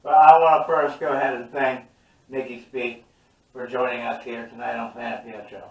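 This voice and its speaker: A man's voice: mid-range voice, level tone, normal speed, creaky, reverberant, distant mic, low-quality recording. A man hosting a casual talk show, joking loosely and laughing at himself between segments. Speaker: host.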